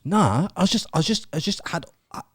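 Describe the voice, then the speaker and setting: A man's voice: on the high side, big pitch swings, a little fast, husky, dry recording, clean studio sound. A man telling a story as a podcast guest, swearing, laughing often and quoting himself. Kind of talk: casual storytelling.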